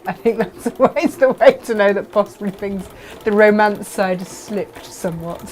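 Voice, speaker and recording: A woman with a medium-pitched voice chats casually as co-host of a live show. She is jokey and relays messages from viewers in an easy, conversational way. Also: moderate pace, darkish tone, slight background noise. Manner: chatty, jokey.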